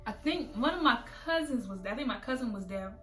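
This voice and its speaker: A quiet, soft-spoken woman from South Florida telling a reflective personal story in a storytime vlog. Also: a little high, lively intonation, fast. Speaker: vlogger. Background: soft background music.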